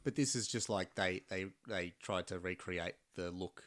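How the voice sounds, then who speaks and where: Very deep-voiced man, dry close sound. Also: normal speed, a bit bright, dry recording. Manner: agreeable, short affirmations. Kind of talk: casual chat.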